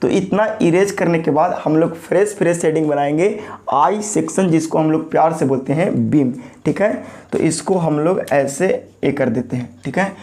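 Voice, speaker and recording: A man's voice: fairly high pitch, moderate pace, a little mellow. A man teaching a lecture, asking questions and answering them himself, his voice a little thick from a sore throat. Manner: repeats key terms as call-and-response questions. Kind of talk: classroom lecture.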